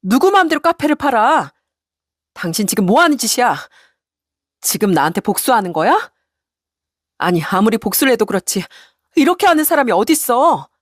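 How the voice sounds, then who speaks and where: A panicky, shrill middle-aged wife played by a woman reader begs and stammers in a high, strained voice. The storybook reading is dry and close, with no room sound. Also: animated, normal speed, no echo. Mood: panicked. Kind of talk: storybook radio narration.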